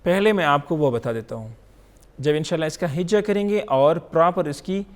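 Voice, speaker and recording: In an online lesson, a man teaches Quran recitation, slowly drawing out the sound of each letter and checking in often with short questions. His pitch is fairly high and his delivery expressive.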